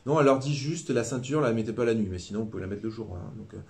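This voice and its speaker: A man's voice: medium pitch, very fast. A man with a Southern French accent giving a casual spiritual talk, rambling and hesitant, full of fillers and repeated words. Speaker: religious brother giving a live talk.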